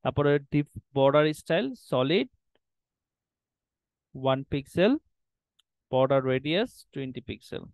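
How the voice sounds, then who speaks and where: A man of middle pitch explains web design settings step by step in a clear, resonant voice. He keeps checking that his students follow along and drops English technical terms into his talk. The sound is dry and close, with no room echo. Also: lively intonation, normal speed, pauses often, phone-quality sound. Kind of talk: screen-recorded tutorial walkthrough.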